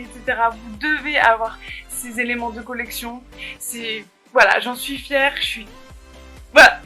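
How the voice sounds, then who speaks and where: Vlogger woman, fairly high bright voice, excited chatty delivery, faint music behind. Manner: enthusiastic, many fillers and restarts. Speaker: fashion vlogger. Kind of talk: casual product showcase.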